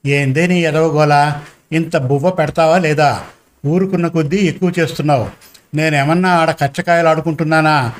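A man reading a storybook and voicing a poor indebted village father, gruff, weary and scolding in a slow voice. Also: a little high, steady tone, a little hiss or hum, lightly acted.

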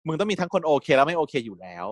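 A man co-hosting a podcast, chatting casually about a TV series, animated and laughing often. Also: a little high, very fast, dry recording. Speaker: podcast co-host. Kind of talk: casual chat reviewing a TV series.

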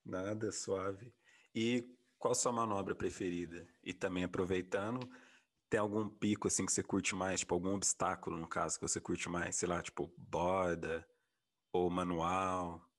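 A man's voice: low-pitched, flat delivery, moderate pace. A man interviewing a skater in an easygoing, slangy way. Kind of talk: casual interview chat.

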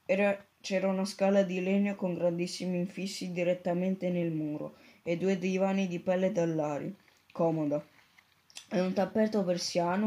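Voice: mid-range voice, dark tone. A narrator reading a children's book aloud steadily, with small slips. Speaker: audiobook narrator.

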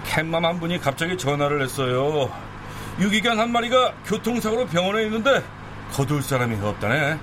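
A man playing a soft-hearted, excitable dog rescuer in a radio drama, animated and easily flustered. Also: a little high, fairly quick. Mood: casual, protesting. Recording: clear street and car noise behind.

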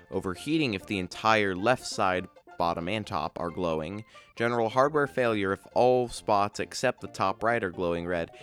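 A man's voice: sits low, a bit bright. A man hosting a podcast, reading scripted explainer narration about video game trivia in a dry, matter-of-fact way. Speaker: podcast host.

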